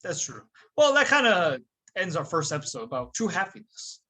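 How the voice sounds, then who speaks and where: Bright-voiced young man joking around. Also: high-pitched, moderate pace, slightly rough. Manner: joking, animated storyteller. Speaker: podcast co-host. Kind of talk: casual chat.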